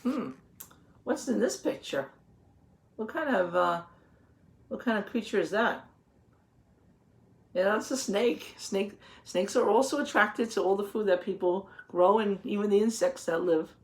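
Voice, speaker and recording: A read-aloud teacher with a medium-pitched voice reads a children's picture book. She pauses now and then to explain things simply and to ask the young listeners questions.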